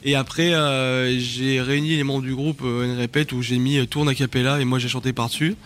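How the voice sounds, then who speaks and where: A man's voice: mid-range voice, fairly even intonation, brisk, a bit bright. A man with an accent from France chatting casually as a guest in a radio interview, often searching for words and using slang. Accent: French from France. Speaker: band singer and lyricist, interview guest.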